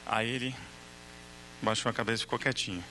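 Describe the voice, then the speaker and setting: A man's voice: mid-range voice, brisk, bright, forceful tone, in a large hall, a little hiss or hum. A man giving a religious lecture to a live audience, telling stories, acting out the dialogue and checking in with his listeners.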